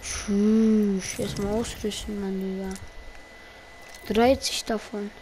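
A woman streaming gameplay, talking in heavy street slang and swearing at teammates in excited bursts. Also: mid-range voice, slow pace, a little hiss or hum, poor audio. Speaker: gaming streamer. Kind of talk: live gameplay commentary.

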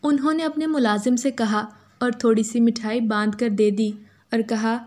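A woman with an Urdu accent reading a first-person story as a steady, even narrator. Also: a little high, moderate pace.

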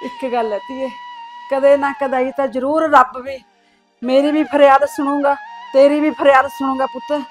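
A woman's voice: sits high, little pitch movement, normal speed, soft background music, close to an everyday voice. A middle-aged woman playing a grieving mother-in-law who soothes her son's wife through tears. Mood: tearful comfort. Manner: tearful, soothing, pleading. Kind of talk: short family drama.

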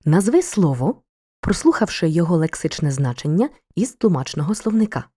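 A woman narrating a scripted school lesson for children, explaining each point in a clear, measured way. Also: on the low side, big pitch swings, mellow. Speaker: teacher.

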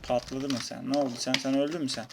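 A man commentating his own playthrough of a shooter game in a casual, chatty way, taunting enemies and breaking into excited shouts. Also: medium pitch, fast, vocal fry. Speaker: gamer playing through a retro shooter. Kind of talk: casual let's-play commentary. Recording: noisy, game gunfire behind. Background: video game gunfire and keyboard clicks.

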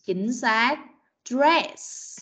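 A woman teaches English to young learners over a video call, speaking slowly and with deliberate care. Her voice is bright and fairly high, and she models each word before having the children repeat it. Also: expressive. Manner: patient, drills words slowly and corrects pronunciation. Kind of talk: online class teaching pronunciation.

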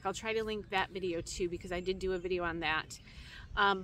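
Chatty middle-aged woman, distant mic. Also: mid-range voice. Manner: chatty, many ums, restarts. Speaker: rabbit keeper vlogger. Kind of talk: casual vlog talk. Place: barn with cement floor, then outdoors in a yard. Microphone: camera a little way off. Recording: distant camera mic with steady background noise. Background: passing motorcycles and outdoor ambience.

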